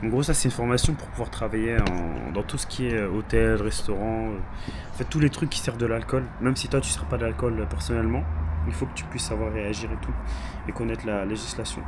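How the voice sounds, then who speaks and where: A young man with a hoarse voice, chatting casually in a vlog and laughing often. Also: lowish voice, fast talker, noisy background. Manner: laughs often, mixes French and English. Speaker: vlogger. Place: small room indoors.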